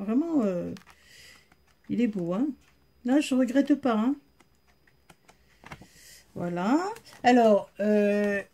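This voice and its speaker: A woman's voice: fairly high pitch, warm tone. Chatty woman with a Southern French accent. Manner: chatty, filler-heavy, addresses viewers directly. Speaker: haul vlogger. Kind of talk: casual show-and-tell chat.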